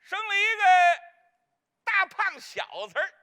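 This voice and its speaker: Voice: high voice, sing-song, slow, pushed and bright, full character voice. A performer playing a comic, gossipy married woman in Peking opera, speaking with a Beijing accent in a rambling, bumbling way. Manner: rambling, bumbling, fumbles names. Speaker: clown role in a staged opera.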